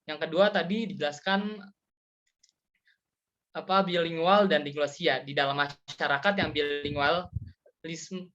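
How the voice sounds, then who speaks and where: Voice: medium pitch, steady tone, unhurried, long pauses, fairly bright tone. A young student who moderates a class presentation and then presents, reading formally and listing points in order. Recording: dull lo-fi recording.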